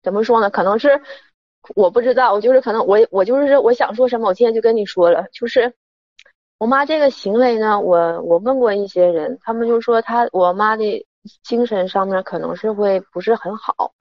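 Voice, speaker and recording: A frightened woman calling in, talking haltingly with many restarts. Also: medium pitch, no echo, lo-fi sound. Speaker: caller.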